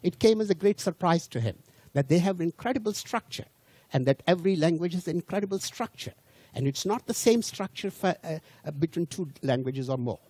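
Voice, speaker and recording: This non-native English speaker from India lectures an audience at an unhurried pace, restarting and repeating words along the way. His voice is fairly high and mellow with lively intonation, and the recording has no echo.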